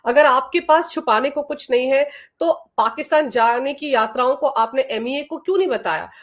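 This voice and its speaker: A woman with a bright, high voice hosts a news discussion. She presses her guest with pointed rhetorical questions, one after another. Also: normal speed. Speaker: news show host.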